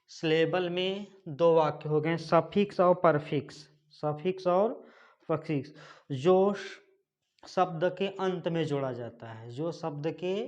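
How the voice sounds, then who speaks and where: Male teacher, slow, deliberate dictation, slightly raised pitch, dull lo-fi sound; spells words out and quizzes the class. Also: a little mellow. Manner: spells words letter by letter, repeats phrases and asks the class questions. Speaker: English teacher. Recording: dull lo-fi recording.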